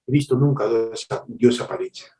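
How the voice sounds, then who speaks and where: A middle-aged man preaching a devotional sermon as a pastor, telling stories with animated swings from loud exclamations to hushed asides. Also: mid-range voice, fast talker, echoey room, background noise.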